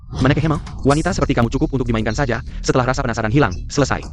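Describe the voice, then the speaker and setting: A man's voice: medium pitch, rapid-fire, background noise, lightly acted. A man dubbing a scheming rich young heir who sweet-talks his girlfriend and mocks her in his asides. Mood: scornful. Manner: sweet-talking aloud, scornful in asides. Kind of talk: dubbed drama acting.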